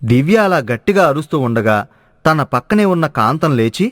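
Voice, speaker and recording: A man's voice: on the high side, very animated, a little fast, no echo. Male storyteller, dry close voice. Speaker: narrator. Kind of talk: storytelling narration.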